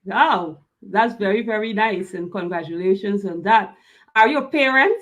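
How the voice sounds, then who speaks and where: A woman's voice: medium pitch, normal speed, fairly bright tone, dull audio. Effusive woman hosting an interview. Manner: effusive, praising, repeats words. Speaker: interview host.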